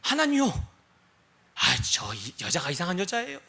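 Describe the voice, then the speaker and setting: A preacher acting Adam, whining excuses. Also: male voice, high voice, wildly swooping pitch, moderate pace, sharp tone, breathy edge, pitched below the performer's own voice, full character voice. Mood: blaming. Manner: whiny, shifting blame. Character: biblical first man making excuses.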